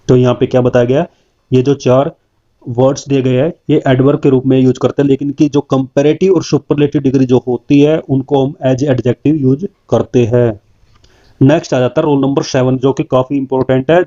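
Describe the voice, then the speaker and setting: A man teaches a grammar lesson in a mellow, relaxed voice. He reads word lists slowly and then explains each rule, and the recording sounds dull and lo-fi. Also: mid-range voice.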